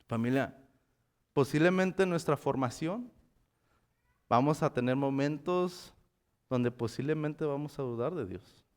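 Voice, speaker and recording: Emphatic preaching man, smooth and resonant. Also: medium pitch, unhurried, pauses often. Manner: dramatic, emphatic delivery with rhetorical questions. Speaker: pastor. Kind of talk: sermon reading scripture and preaching. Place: church sanctuary.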